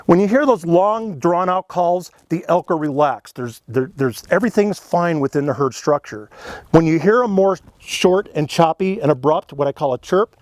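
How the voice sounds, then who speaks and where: With no room sound, a middle-aged elk calling instructor talks at a moderate pace in a fairly high, expressive voice. His demonstration is casual and earnest, built from step-by-step explanations, friendly asides, and frequent "you know" and "okay."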